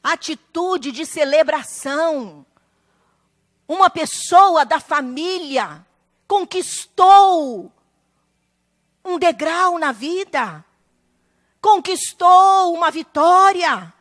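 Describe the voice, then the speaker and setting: Woman, pastor, church sermon, high voice, slow deliberate delivery, emphatic, acts out quoted voices. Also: lively intonation, a bit bright.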